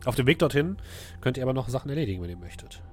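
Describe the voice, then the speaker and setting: A man narrating a tabletop fantasy game as game master, telling the story descriptively and haltingly. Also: mid-range voice, sing-song, a little mellow, husky, faint music behind.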